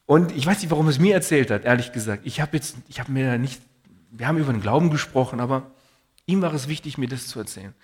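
A man's voice: medium pitch, expressive, quick pace, husky. A man preaching a sermon in an earnest, personal way, telling stories and reading Bible passages.

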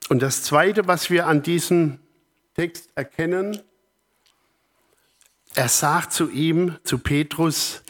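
A middle-aged man preaching a sermon, moving from emphatic points to hushed, whispered asides. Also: on the high side, slow pace, pauses often.

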